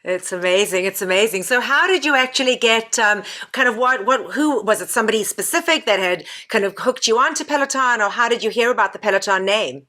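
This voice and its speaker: A woman's voice: fairly high pitch, animated, brisk, few pauses, bright, forceful tone. A woman hosting a podcast, chatting enthusiastically with a guest and using lots of "um"s. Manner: enthusiastic, many fillers. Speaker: podcast host. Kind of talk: casual interview chat.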